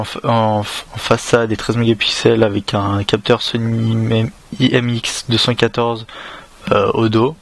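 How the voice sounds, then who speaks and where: A tech reviewer with a French accent gives a relaxed, casual unboxing commentary, hesitant and full of fillers and restarts. His voice is lowish and creaky.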